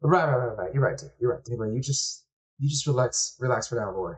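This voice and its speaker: A man's voice: medium pitch, quick pace, natural voice. A man playing a suspicious, conspiracy-minded middle-aged father who rambles and stammers bluntly. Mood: soothing.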